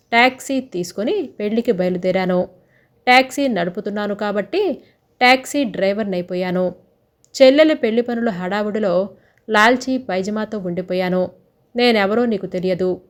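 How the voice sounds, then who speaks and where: A woman voicing a young groom in a storybook tale, speaking softly and affectionately with a playful tease. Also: mid-range voice, natural voice. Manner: soft, affectionate. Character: young groom, gentle and teasing. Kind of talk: storybook dialogue.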